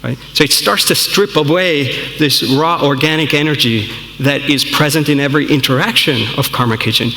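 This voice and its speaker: A man's voice: fairly high pitch, pushed and bright. A man giving an earnest, conversational storytelling talk to an audience, often checking in with "right?". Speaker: speaker. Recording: echoey hall, long reverb.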